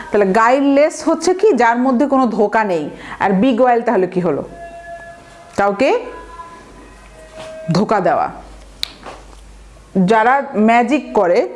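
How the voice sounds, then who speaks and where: A young woman teaching a vocabulary lesson, explaining step by step, asking questions and answering them herself, and reading example sentences slowly. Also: on the high side, darkish tone. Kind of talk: vocabulary lecture.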